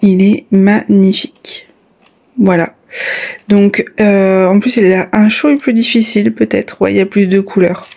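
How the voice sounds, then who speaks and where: A woman with a soft, mellow voice at a middle pitch, talking casually as a vlogger would. She sounds a little breathless and speaks haltingly, pausing often to find her next phrase. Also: fairly even intonation, gravelly. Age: adult, a parent of a child. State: slightly short of breath, breathy pauses. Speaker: YouTube vlogger. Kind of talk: casual chat to viewers, unboxing.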